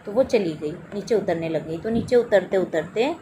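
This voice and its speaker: A mother recounts a frightening day with her daughter, speaking earnestly and playing out both sides of the conversation. A steady background noise runs behind her voice. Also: mid-range voice, moderate pace. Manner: earnest storytelling, acting out her own and her daughter's lines. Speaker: mother telling a personal miracle story. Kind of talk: spoken personal testimony.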